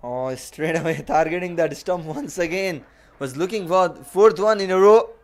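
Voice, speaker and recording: A man's voice: high voice, moderate pace. A man giving live cricket commentary as the match commentator, repeating phrases for emphasis.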